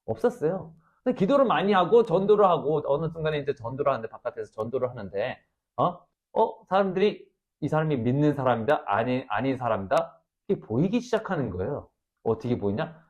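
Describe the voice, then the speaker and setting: A man preaching a revival sermon, telling stories in an animated way that swings between loud exclamations and low asides.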